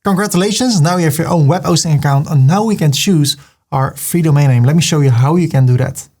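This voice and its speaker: A Dutch man from the Netherlands hosts a web tutorial, talking through a screen recording step by step and reading the on-screen prompts aloud. His voice sits on the high side with a darkish tone, and he speaks fairly quickly.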